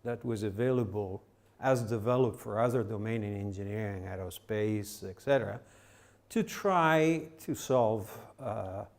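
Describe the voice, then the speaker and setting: A man's voice: lowish voice, unhurried. An older man giving a public lecture as guest speaker, with non-native phrasing and frequent restarts.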